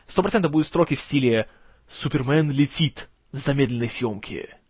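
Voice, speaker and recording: A man hosts a film news show with casual commentary, his husky voice strained, tired and kept low because he can't speak loudly. His manner is gloomy, wry and sarcastic, and he stumbles over some words. There's no room sound.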